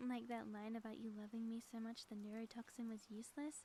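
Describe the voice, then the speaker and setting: In an intimate ASMR audio roleplay, a woman voices a sappy yet theatrical ex-villain wife, her high, mellow voice breathy and teasing as it drifts toward whispers over faint background noise. The delivery is flat, brisk and lightly acted. She comes across as playful and grateful.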